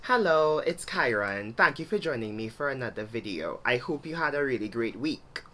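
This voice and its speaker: Speaking at a normal speed, this young vlogger from Trinidad and Tobago has a medium-pitched, bright voice with a forceful tone and lively intonation. He carries a Trinidadian accent and talks to camera alone, thoughtfully explaining what's on his mind.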